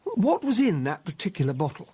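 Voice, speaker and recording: An actor playing an earnest, well-bred English army captain who narrates and talks in a radio drama, with an English accent. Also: male voice, high voice, wildly swooping pitch, fairly quick, warm tone, husky, exaggerated voice. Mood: puzzled, surprised. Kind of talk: radio drama acting and first-person narration.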